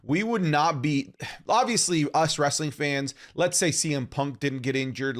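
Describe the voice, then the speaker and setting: Easygoing young podcast host. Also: male voice, medium pitch. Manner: easygoing, asks questions. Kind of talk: casual podcast chat.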